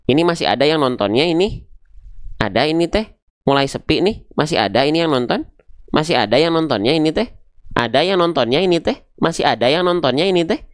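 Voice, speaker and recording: A man's voice: medium pitch, clear, resonant tone, dry recording, studio quality. A young man, teaching Quran recitation on a live stream, patiently explaining and checking on his viewers. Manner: demonstrates letter sounds slowly and drawn out. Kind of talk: live-streamed tajwid lesson.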